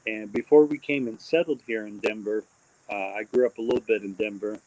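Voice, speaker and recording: Crickets chirp in the background as a livestream host rambles casually, full of fillers and restarts. Born in Texas, raised mostly in Indiana, he's an adult with a daughter, and his fairly low, steady, darkish voice moves at a brisk pace. The recording is rough.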